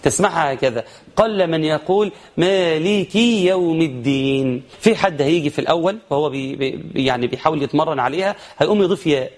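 A man with an Egyptian accent teaching Quran recitation rules, explaining quickly and then chanting verses slowly. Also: a little high. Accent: Egyptian Arabic. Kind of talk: tajweed lesson with chanted examples.

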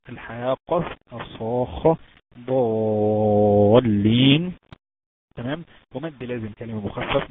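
A man with an Egyptian accent teaching Quran recitation rules in an online lesson, explaining step by step and quizzing his students. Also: medium pitch. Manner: explains step by step, asks students questions, drawn-out chanted examples. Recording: tinny noisy phone-like line.

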